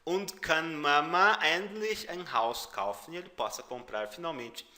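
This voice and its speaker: A man's voice: fairly high pitch, measured pace, pushed and bright. A man with a Brazilian Portuguese accent teaching a German lesson, patiently repeating each phrase and stressing the foreign words. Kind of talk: language lesson explaining song lyrics.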